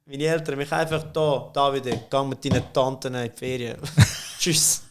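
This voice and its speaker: A middle-aged man with a Swiss German accent, a company CEO appearing as a podcast guest, tells stories in a casual, chatty conversation full of laughs, fillers, and restarts. His mid-range voice has fairly even intonation and a normal speed. The background is noisy.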